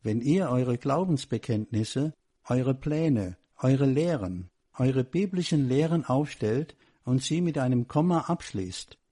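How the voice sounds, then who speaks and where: A man's voice: mid-range voice, expressive, takes it slowly, dark tone, slightly rough. A man preaching a sermon, pressing the congregation with emphatic rhetorical questions.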